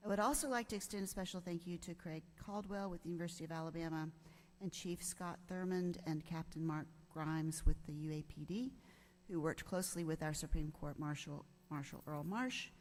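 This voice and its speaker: A woman with a Southern US accent speaks as a presiding judge. Her voice sits a little low, and she makes official remarks in an informal way over faint noise. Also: steady tone, brisk, darkish tone. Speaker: presiding chief justice. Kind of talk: informal welcome and thanks at a formal event.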